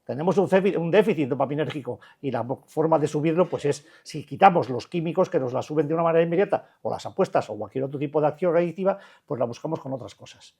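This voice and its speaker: Older man, Basque Spanish accent, recovery-group speaker, blunt and colloquial, a bit high-pitched. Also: expressive, quick pace, vocal fry, hardly any pauses, mellow, husky. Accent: Spanish, Basque Country. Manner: colloquial and blunt, many restarts and rhetorical questions. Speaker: addiction recovery counselor. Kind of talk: informal talk to a recovery group.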